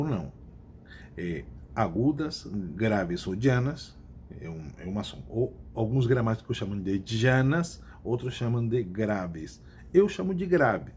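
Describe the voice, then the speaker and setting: A Spanish teacher with a Brazilian Portuguese accent records a lesson for his class, repeating key points and pausing to make sure students follow. His voice is mid-range and warm, with a little hiss or hum in the recording.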